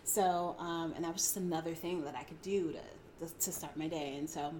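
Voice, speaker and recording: A woman's voice: low-pitched, fairly even intonation, moderate pace, a little mellow, slight background noise. A woman in her forties, a podcast guest telling her story in a rambling, casual way with frequent laughter and fillers. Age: 40s. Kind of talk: casual interview chat.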